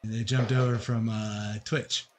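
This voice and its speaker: A man's voice: lowish voice, flat delivery, measured pace, a little hiss or hum. A man hosting a live art stream, greeting viewers from the chat and joking casually. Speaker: stream host reading the chat.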